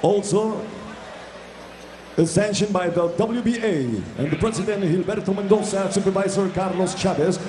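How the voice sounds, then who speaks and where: High-pitched, showy male lucha-style ring announcer. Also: steady tone, darkish tone. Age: middle-aged. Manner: booming showman delivery with drawn-out words and rapid runs. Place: boxing ring in an indoor arena. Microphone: handheld microphone. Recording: echoey arena PA with crowd noise.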